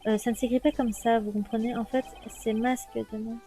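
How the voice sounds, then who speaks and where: Woman player reads a timid masked thief from a detective game; soft, stammering, apologetic, with a mellow tone over faint music. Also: on the high side, little pitch movement, a little fast, natural voice. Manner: hesitant, stammering, contradicts himself.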